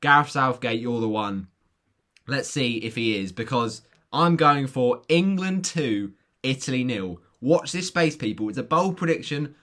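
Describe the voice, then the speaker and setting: A man with a hoarse voice that is giving out, casually talking viewers through football predictions in an informal, chatty way. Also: mid-range voice, expressive, a little slow, fairly bright tone.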